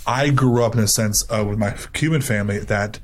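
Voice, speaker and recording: A man's voice: lowish voice, fairly quick. A young man from Miami co-hosting a podcast, telling stories in a rambling way with lots of filler words. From Miami, Florida. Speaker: podcast co-host. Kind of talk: casual podcast chat.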